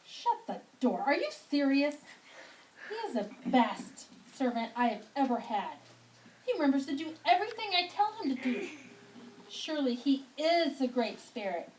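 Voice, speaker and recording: A woman's voice: high-pitched, sing-song, moderate pace, darkish tone. A woman voicing a gullible, nervous sock puppet king in a goofy, over-dramatic way for an amateur show. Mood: awed, anxious. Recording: distant mic with faint noise.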